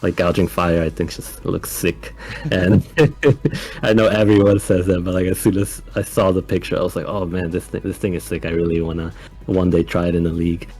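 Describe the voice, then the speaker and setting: A young man from Ecuador, now living in the United States, talking calmly and casually as a guest in an interview. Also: low voice, moderate pace, breathy edge. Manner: calm, laid-back, soft-spoken with frequent laughs. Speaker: guest coach.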